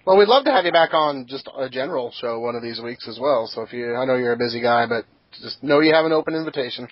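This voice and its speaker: Easygoing husky male co-host. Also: mid-range voice, quick pace, no room sound, muffled recording. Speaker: podcast co-host. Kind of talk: casual podcast chat.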